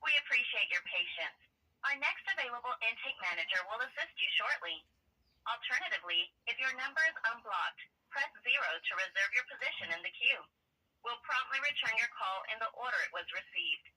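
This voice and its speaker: Woman, recorded phone menu greeting; bright, slightly husky read, measured pace, heard through a phone held away from the mic. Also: on the high side, expressive. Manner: slow, measured announcer delivery. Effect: recorded phone menu message. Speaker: automated phone line greeting. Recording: phone line on speaker, far from mic.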